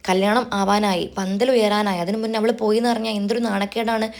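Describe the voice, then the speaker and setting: A woman reads out a controlling middle-aged mother from a TV serial, scolding and pressuring her grown daughter. She talks at a very fast clip, with the everyday pitch of the narrator who puts her on. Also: flat delivery, natural voice. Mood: angry, scolding.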